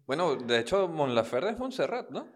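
A man from Venezuela with a Venezuelan accent, co-hosting a casual podcast and teasing his partner with quick jokes. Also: a little high, sing-song. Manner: joking, teasing, quick asides. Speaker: podcast co-host, comedian.

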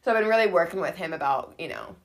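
A woman's voice: on the low side, fast talker, crowd noise. A young woman co-hosting a podcast, chatting casually and telling stories with frequent laughter. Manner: chatty, laughs often, animated storytelling. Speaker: podcast co-host. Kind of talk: casual chat.

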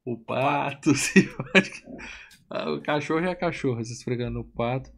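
A man's voice: mid-range voice, normal speed, vocal fry. Male co-host, medium voice, loose profane storyteller. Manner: animated, profane storytelling with acted quotes. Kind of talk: casual film recap chat.

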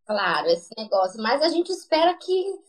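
A woman's voice: fairly high pitch, very animated, moderate pace, poor audio. A woman from Brazil with a Brazilian accent, hosting a casual live interview. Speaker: host of a live session.

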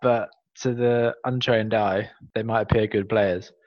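A man's voice: on the low side, fairly even intonation, unhurried. A man, co-hosting a casual football chat podcast and giving blunt, opinionated verdicts. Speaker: podcast co-host. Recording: dull lo-fi sound.

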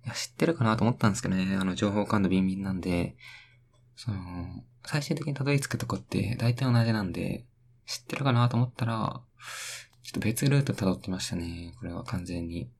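A man's voice: deep voice, a little fast, vocal fry, a little mellow, a little hiss or hum. A young man hosting a solo radio talk, rambling, talking to himself and playing with words. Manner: rambling, talks to himself, plays with words in sing-song repeats. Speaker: podcast host.

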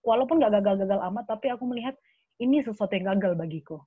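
A young adult woman speaking as a guest in an earnest, animated casual chat with many fillers. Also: mid-range voice, fast talker, husky, no echo. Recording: tinny phone-like line.

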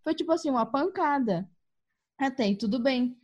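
High-voiced woman telling a story. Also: normal speed. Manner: animated, laughing, acts out quoted voices. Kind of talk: casual storytelling.

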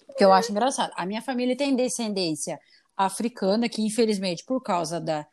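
A woman who is a guest on a podcast, ranting in a lively, profane, casual way. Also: mid-range voice, brisk. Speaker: guest artist and English teacher.

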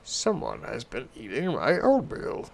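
A calm father bear wonders aloud in a measured, puzzled way, as a man reading aloud puts him on. His voice is gravelly and slow, in a storybook telling. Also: mid-range voice, full character voice.

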